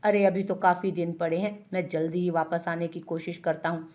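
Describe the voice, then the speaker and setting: एक महिला कथावाचक एक मज़ाकिया, बहस करने वाले युवा पुरुष दोस्त की आवाज़ पढ़ती है।. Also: female voice, fairly low pitch, level tone, normal speed, darkish tone, close to an everyday voice. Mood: bantering. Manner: bantering, argumentative. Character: jokey young male friend abroad. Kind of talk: audiobook character voice.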